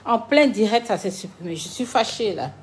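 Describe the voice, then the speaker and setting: A woman's voice: a little high, lively intonation, normal speed, a little mellow, slight background noise. A woman hosting a late-night live stream, agitated and complaining as she talks to her viewers. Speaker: livestream host.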